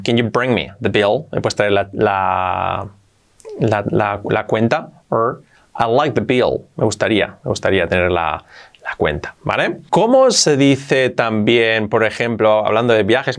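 A man from Spain, teaching travel phrases in a video lesson, repeating each one slowly with lively jumps in pitch. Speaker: English teacher.

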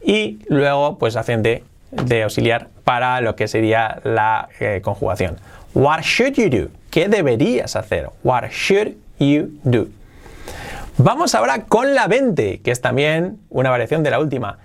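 Lively teacher repeating phrases. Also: male voice, mid-range voice, vocal fry. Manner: repeats English phrases slowly, explains quickly. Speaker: English teacher. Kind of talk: grammar lesson.

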